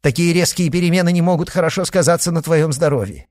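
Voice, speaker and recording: A man's voice: on the high side, quick pace, pitched above the performer's own voice, close to an everyday voice. A man voicing an anxious, hot-tempered middle-aged father who pleads and turns agitated. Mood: worried. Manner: agitated, pleading, bursts into shouting.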